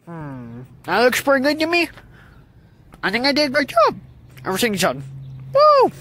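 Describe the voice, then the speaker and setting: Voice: medium pitch, wildly swooping pitch, normal speed, fairly bright tone. A performer voicing a whiny, mischievous kid who frets and panics easily. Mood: grumbling. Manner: whiny, fretful. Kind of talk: fan puppet video acting.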